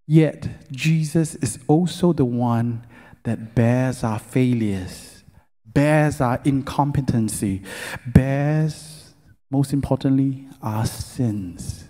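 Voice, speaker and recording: In a large worship hall, a middle-aged man delivers a sermon-style talk at a church lecture concert, leading the audience in call-and-response and stretching out key words with earnest emphasis. His mid-range voice is slow and dark, and the recording has long hall reverb.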